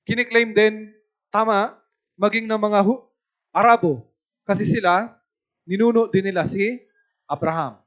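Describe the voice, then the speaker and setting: High-voiced Filipino evangelist, lively. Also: male voice, a little slow, long pauses, muffled recording. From Philippines. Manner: lively, asks the audience "tama po ba" often. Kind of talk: youth camp sermon.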